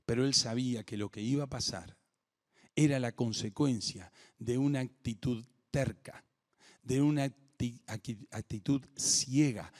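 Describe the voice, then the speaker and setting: A man with a Rioplatense Spanish accent preaching a sermon as pastor, swinging between hushed reflection and emphatic declaration. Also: medium pitch. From Uruguay. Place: home or church for an online service.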